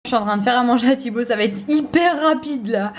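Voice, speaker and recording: In her home kitchen, a young adult woman chats casually for a family vlog, full of fillers and sounding exasperated. Her voice is a little high and quick, with slight background noise.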